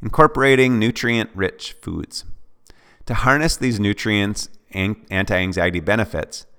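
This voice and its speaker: A man reading a health course script aloud in a steady list-reading manner, with occasional offhand asides. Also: on the low side, unhurried, clean tone. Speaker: fitness program instructor.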